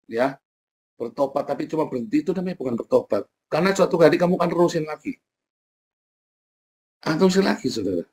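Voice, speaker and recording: A male pastor delivers an emphatic, repetitive sermon, addressing the congregation again and again. His voice is husky and sits at a middling pitch. He slips in and out of quoted speech without changing voice. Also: a little mellow. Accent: Indonesian. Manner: repetitive, emphatic preaching with frequent "saudara" asides; acts out quoted speakers in his own voice.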